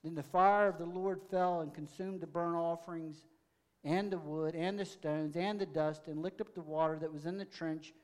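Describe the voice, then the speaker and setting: High-voiced man reading scripture in a sermon. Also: fairly even intonation, normal speed. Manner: reads with rising, forceful emphasis. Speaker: pastor. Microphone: mic checked aloud.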